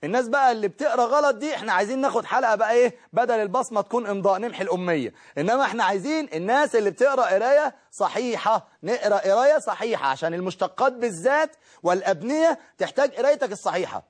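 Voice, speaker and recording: Egyptian male grammar teacher, high-pitched, brisk, step-by-step explainer. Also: animated. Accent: Egyptian Arabic. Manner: explains step by step, checks in with students. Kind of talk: recorded grammar lesson.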